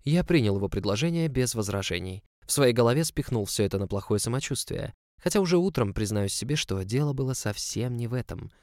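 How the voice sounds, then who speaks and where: A man's voice: mid-range voice, expressive, brisk, hardly any pauses, a little mellow, dry recording. A man narrating a story in the first person, in an intimate, close storytelling manner. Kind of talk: audiobook narration.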